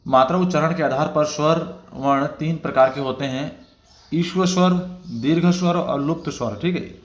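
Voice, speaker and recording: A man's voice: on the high side, roomy sound. A man teaching as an exam-prep tutor, going through test questions one by one and checking in with his viewers as he explains. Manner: explanatory, repeats "theek hai" as filler.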